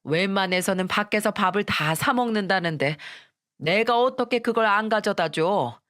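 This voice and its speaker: A woman's voice: medium pitch, animated, normal speed, a bit bright, no room sound, clean studio sound, close to an everyday voice. A woman voicing a weary middle-aged mother-in-law who sighs and grumbles, in a scripted story reading. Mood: grumbling. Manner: sighing, grumbling.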